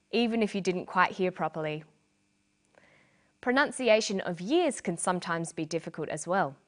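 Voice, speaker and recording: A woman from Australia, narrating an English lesson slowly and clearly, stressing key syllables for learners. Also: medium pitch. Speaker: English teacher. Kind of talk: scripted language lesson narration.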